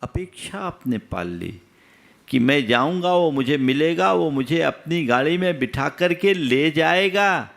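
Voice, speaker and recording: A man's voice: a little high, animated, unhurried, creaky, a bit bright. A man, a monk, giving a sermon that questions his listeners and teaches through everyday anecdotes. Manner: asks the audience rhetorical questions. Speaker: Jain monk preacher.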